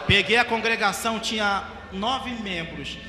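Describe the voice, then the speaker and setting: A man, a pastor telling stories in a sermon and building to fervent shouted preaching. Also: high voice, a little slow. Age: 30s. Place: church hall. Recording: echoey church hall with music. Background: music playing.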